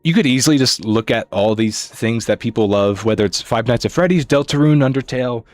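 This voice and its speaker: Guy streamer w a lowish voice, slangy rambly chat to viewers, dry close headset audio. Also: expressive, fairly quick, no room sound. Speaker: amateur livestreamer. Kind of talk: casual livestream chat while gaming.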